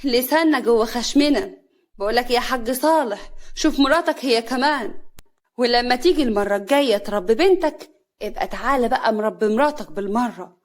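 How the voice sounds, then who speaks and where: A woman's voice: fairly high pitch, animated, close to an everyday voice. A woman voicing a coquettish, scornful mother-in-law with an Upper Egyptian accent, drawing out her words coyly. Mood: angry. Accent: Upper Egyptian Arabic. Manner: coy, drawn-out, scornful.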